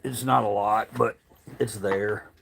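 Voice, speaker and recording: A man's voice: lowish voice, steady tone, measured pace, vocal fry, a bit bright, slight background noise, low-quality recording. A man chatting casually as a livestream host, talking around a dip of tobacco in his lip, rambling and informal with some swearing.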